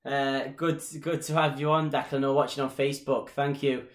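A dance instructor in his thirties with a Mancunian Irish accent answers viewer questions on a live stream from his small living room at home. His medium-pitched voice has a level tone at normal speed, and he's chatty, gesturing a lot. The webcam sits at desk distance, giving a roomy home sound.

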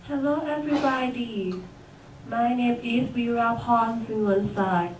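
A woman from Thailand introducing herself in a hesitant, halting way. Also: fairly high pitch, echoey room, distant mic, slight background noise, poor audio. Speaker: student. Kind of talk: self-introduction video.

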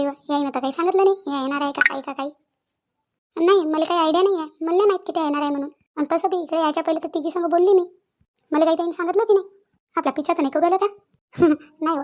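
A woman's voice: sits high, natural voice. A woman voicing a chatty village sister-in-law. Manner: bickering, confronting.

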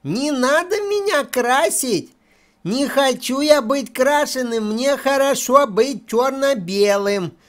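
A woman voicing a small, naive, childlike toy train with a squeaky voice in a children's cartoon. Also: lively intonation, takes it slowly. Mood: wary, self-admiring.

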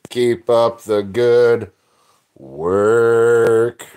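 A young man unhurriedly chatting on a livestream, reading out viewers' comments. His speech is loose and rambling, with plenty of fillers, and his pitch sits in the middle. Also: slow, darkish tone. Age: young adult. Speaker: livestream host. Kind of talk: casual chat reading live comments.

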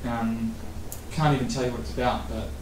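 At an event venue, a guest speaker from New Zealand, a man in his thirties, gives casual, rambling answers to interview questions at a meetup, full of fillers and restarts. He talks a little fast with fairly even intonation at mid-range pitch. Recorded from a distance in an echoey room, the audio has a bit of hiss or hum.

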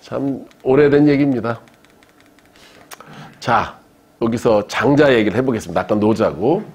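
A male philosophy professor giving a lecture to a live audience, telling lively anecdotes and laughing along with his own jokes. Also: mid-range voice, measured pace, breathy edge. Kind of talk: university-style public lecture.

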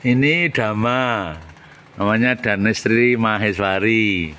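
A man, chatting gently with a young child and coaxing answers with questions. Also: on the low side, slow, slight background noise. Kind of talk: casual chat with a child.

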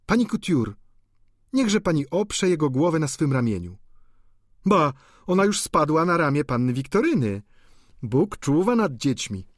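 A man's voice: on the high side, very animated, unhurried, no room sound, clean studio sound, pitched above the performer's own voice. A man voicing a fussy, gossiping older widow who runs a boarding house, chattering and exclaiming in a raised voice. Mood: gushing.

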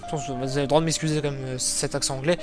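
A man's voice: medium pitch, fairly even intonation, rapid-fire. A man from France with a French accent, casually commenting on his flight sim game and rambling with lots of fillers and self-corrections, recorded on a desktop mic over background music. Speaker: flight sim video host. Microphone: desktop microphone.

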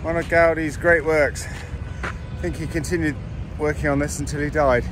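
A man narrating a casual travel vlog while out running, speaking in short phrases with pauses. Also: on the high side, level tone. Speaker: vlogger filming a training run. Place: outdoors on city streets and park hills. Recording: outdoor street noise, passing traffic. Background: city traffic and outdoor ambience.

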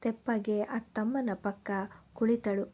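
A woman storyteller reading a scripted story in a calm, measured way. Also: a little high.

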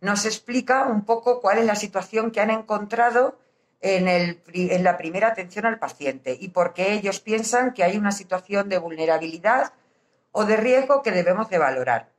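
A woman with a Castilian Spanish accent explains her work as a hospital social worker informally, with hesitant pauses, her voice slightly muffled through a face mask. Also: mid-range voice, animated. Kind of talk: informal explanatory talk to camera. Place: small indoor hospital office.

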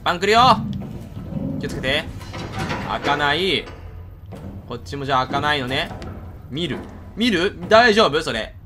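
A man's voice: on the high side, animated, normal speed, pauses often. A man with a Kansai Japanese accent giving jumpy let's-play commentary, talking to the game character and breaking into outbursts. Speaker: gamer. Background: game music.

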